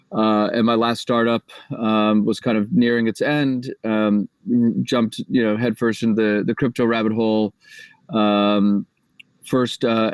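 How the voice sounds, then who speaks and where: A man speaking on a panel from his backyard office, his voice low and held in a narrow, even band. He rambles in a relaxed, unhurried way and leans on fillers. The sound is dry and close, with no room echo. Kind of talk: casual panel talk.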